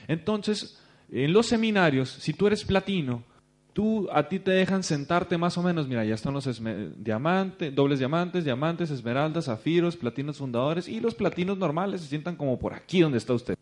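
A young man with a Mexican accent giving a motivational talk to a seated audience, telling his story with lively bursts of emphasis. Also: fairly high pitch, normal speed. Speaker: seminar speaker. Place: stage before a seated audience.

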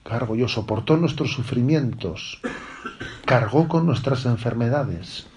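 A man's voice: mid-range voice, lively intonation, a little slow, dull audio, noisy background. Conversational male preacher. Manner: conversational preaching, peppers sentences with tag questions. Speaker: bishop giving a retreat talk. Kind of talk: spiritual retreat talk to young people.

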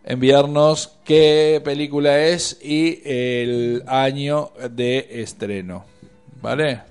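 A man's voice: medium pitch, steady tone, slow pace, a little mellow, smooth, soft background music. A man co-hosting a radio show, explaining contest rules with short replies. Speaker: radio co-host. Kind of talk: casual radio chat.

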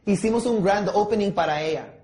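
A man's voice: high voice, brisk, a little mellow. A man leading a sales training session, acting out objections with listeners and often checking they follow, mixing in English words. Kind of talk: training talk with role-play. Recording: echoey room.

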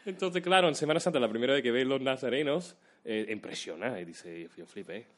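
A man's voice: mid-range voice, animated, fairly quick. A man chatting casually in a mixed American and Andalusian accent, clipping his words. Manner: clips words. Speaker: actor, guest. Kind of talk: casual chat.

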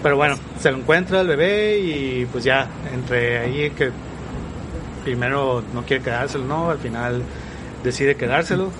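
A man's voice: medium pitch, normal speed. A man with a Mexican accent explaining things informally and meanderingly as a podcast panelist. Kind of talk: casual film synopsis in conversation. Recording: noisy outdoor city ambience.

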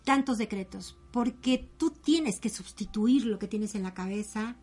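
A woman, a yoga teacher calmly guiding a breathing exercise as a guest. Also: medium pitch, a little slow, slightly rough. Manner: calm, instructive, gentle.

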